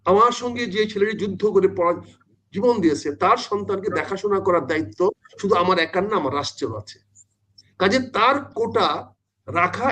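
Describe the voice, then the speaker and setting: Husky older man arguing on a talk show. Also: sits high, a bit bright. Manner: insistent, repetitive, emphatic. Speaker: political guest.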